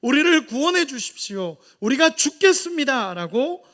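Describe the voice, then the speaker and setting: A man's voice: very high voice, sing-song, normal speed, fairly bright tone, long reverb tail, voice pushed up, full character voice. A man preaching and voicing frightened disciples pleading with urgency in a storm.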